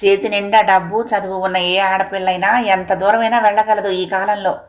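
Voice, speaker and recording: Woman reading composed older woman, calm, a little amused, storybook audio. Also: mid-range voice, normal speed, lightly acted.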